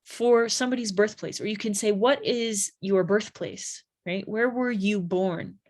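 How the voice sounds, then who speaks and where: Woman, English teacher, very slow and deliberate delivery, models phrases for learners. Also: mid-range voice, darkish tone. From United States. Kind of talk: slow classroom explanation.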